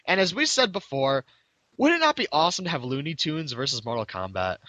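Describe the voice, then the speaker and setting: A man's voice: fairly high pitch, very animated, brisk, pushed and bright, dry recording. A man hosting a casual gaming podcast, chatting loosely with upbeat restarts. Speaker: podcast host. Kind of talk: casual chat.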